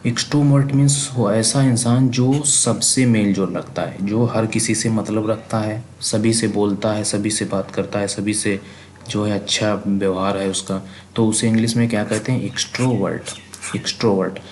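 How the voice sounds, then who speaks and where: A man's voice: on the low side, fairly even intonation, normal speed, darkish tone, slight background noise. An Indian man teaching English vocabulary for exams, spelling words letter by letter and repeating himself as he asks and answers his own questions. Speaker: exam prep teacher.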